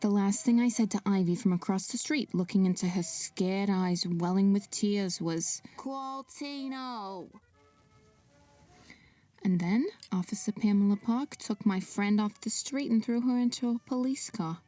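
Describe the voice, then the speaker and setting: A woman tells her mystery story with wry, sarcastic asides. Her voice is mellow and dark in tone. She sits a little back from the mic, and faint music plays underneath. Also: medium pitch, fairly even intonation, moderate pace, few pauses, dry recording, far from the mic. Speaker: narrator and protagonist. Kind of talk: scripted drama narration.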